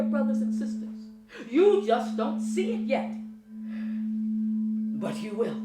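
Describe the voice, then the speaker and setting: A woman's voice: fairly high pitch, very noisy. A woman acting a vain, arrogant male god on trial, with a grandiose, theatrical stage delivery. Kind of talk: stage drama performance. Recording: roomy stage with music behind.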